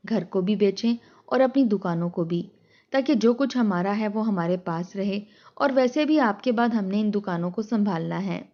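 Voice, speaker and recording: A woman's voice: medium pitch, lightly acted. Greedy grown men pressing hard for their share, blunt and demanding, read by a woman narrator. The recording has a slightly dull, lo-fi tone. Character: two greedy grown brothers demanding inheritance.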